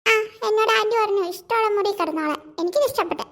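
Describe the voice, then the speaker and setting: A very high, squeaky little boy in a cartoon, cheeky and bossy, always demanding more food, as a woman puts him on. he talks back with a pushy, bratty edge. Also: quick pace. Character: boastful greedy little boy guest. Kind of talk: cartoon voice acting.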